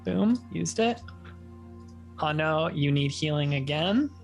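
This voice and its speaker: A woman's voice: low voice, lively intonation, slow pace, gravelly, faint music behind. A woman playing a tabletop role-playing game, chatting casually as one of the players.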